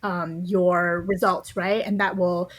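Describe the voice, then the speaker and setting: A woman with a fairly low, level voice speaks slowly with no echo. She is a podcast guest, an author being interviewed about her book, explaining things in an articulate, conversational way and often checking in with "you know" and "right?"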